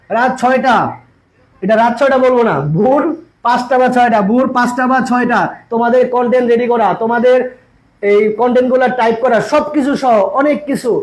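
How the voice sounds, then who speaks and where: A man teaches an online exam-prep class. His voice sits very high for a man. He repeats each point and keeps throwing rhetorical questions at his students. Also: low-quality recording.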